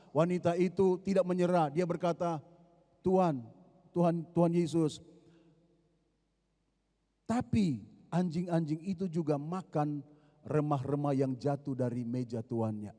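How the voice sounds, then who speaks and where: A man with an Indonesian accent preaches as a pastor in a large church hall, his voice a little high, dark, steady and unhurried. He tells a story dramatically, with emphatic rises. Long hall reverb fills the recording.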